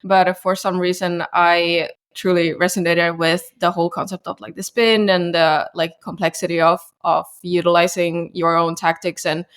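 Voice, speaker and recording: Woman in her 20s, low even voice, lots of uh and like, chatting on a call. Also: clean tone. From Finland. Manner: halting, many fillers and restarts. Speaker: guest, startup founder. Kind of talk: casual interview talk. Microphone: remote call.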